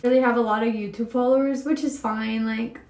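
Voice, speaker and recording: A young woman from California talks straight to the camera in a heartfelt, confessional vlog. Her voice sits a little high, and the room around her sounds echoey. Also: steady tone, fast, a little mellow, a little hiss or hum. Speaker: vlogger.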